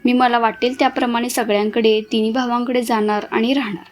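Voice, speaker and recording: A woman's voice: on the high side, level tone, a little fast, natural voice. A woman reading the part of an orphaned young woman who pleads with her brothers through tears. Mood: pleading. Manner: pleading, emotional.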